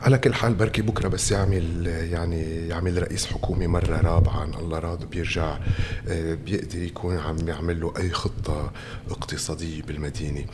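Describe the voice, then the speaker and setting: A man's voice: low-pitched, fairly even intonation, quick pace. A man with a Lebanese Levantine Arabic accent giving political interview answers as a candidate, emphatically repeating his phrases. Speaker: election candidate being interviewed. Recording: reverberant room, faint background noise.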